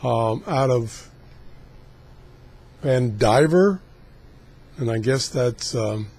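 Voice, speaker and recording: Slow, husky man thinking aloud. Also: mid-range voice, lively intonation, darkish tone. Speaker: radio hobbyist host. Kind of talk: casual live demonstration of scanning shortwave.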